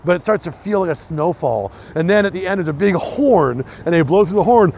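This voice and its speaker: Upbeat guy leading a city walk outside, kinda high voice, faint street noise. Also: expressive, brisk, darkish tone. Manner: chatty, enthusiastic, laughs often. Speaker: tour guide. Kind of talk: walking tour commentary.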